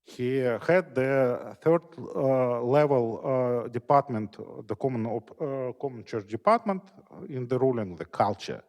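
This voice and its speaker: A man on an academic panel speaking haltingly, often groping for the next word. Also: medium pitch, expressive, a little mellow. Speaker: lecture speaker. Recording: reverberant lecture hall.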